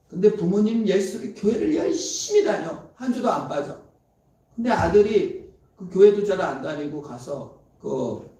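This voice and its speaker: Mellow-voiced pastor preaching in an echoey hall. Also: male voice, on the high side, gravelly. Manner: dramatic, swings between loud emphatic and hushed tender delivery. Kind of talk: sermon. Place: church sanctuary. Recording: very echoey, from far off.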